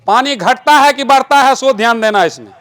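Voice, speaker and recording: Extremely high-pitched and animated, a stage magician and rationalist speaker talks fairly quickly in a slightly bright voice while performing live magic. He jokes and gives orders to a boy and the audience, explaining as he demonstrates.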